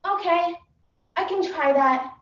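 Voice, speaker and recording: A squealing ditzy teen actress. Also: female voice, very high-pitched, takes it slowly, voice pushed up. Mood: squealy eager. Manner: squealy, overdramatic recitation. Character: ditzy bubbly teenage girl actress. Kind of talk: competitive humorous interpretation. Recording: echoey room, distant mic, dull sound.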